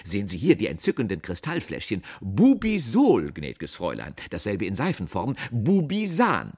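A man reading a humorous story aloud, voicing a middle-aged shop owner who flatters his customer with unctuous courtesy. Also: sits low, a little fast, slightly rough, heavily acted. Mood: flattering.

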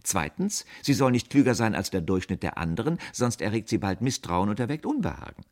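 Man putting on a young woman, mocking, dreamy, lively swoops. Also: a little fast. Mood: lecturing. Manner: teasing, lecturing in a lighter, higher voice.

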